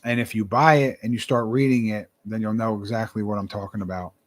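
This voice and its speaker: A man's voice: lowish voice, fairly even intonation, brisk. Rambling earnest young man vlogging. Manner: rambling, repeats words, earnest. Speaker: self-published author. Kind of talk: casual talking-to-camera vlog.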